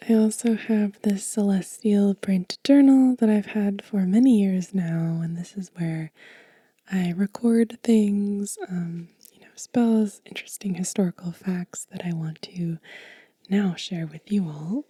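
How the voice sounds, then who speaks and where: An ASMR channel host, a woman with a mid-range voice, does a gentle, informal show and tell. She whispers softly and breathily, unhurried and close to the mic, in a dry recording.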